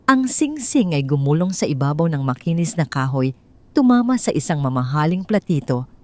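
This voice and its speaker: This female storyteller has a fairly low voice with a soft, dark, mellow quality. Narrating scripted drama as an audiobook reader, she keeps her phrasing measured and formal.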